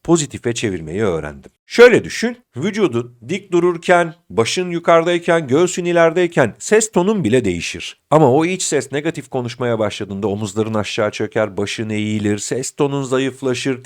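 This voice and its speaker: A middle-aged man giving a motivational talk as a self-confidence coach, speaking directly to the listener like a friend. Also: mid-range voice.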